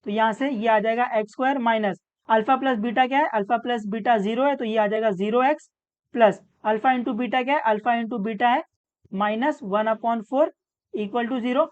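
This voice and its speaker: A female tutor works through a maths problem step by step, using the proper terms and patiently answering her own questions. Her voice is a little high and her pace moderate, captured in a dull, lo-fi recording.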